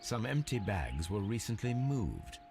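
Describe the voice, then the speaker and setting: An actor playing a calm, methodical male detective in a video game, speaking in a measured, deductive way. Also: lowish voice, creaky, heavily acted. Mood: musing. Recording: game audio with music behind. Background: game music.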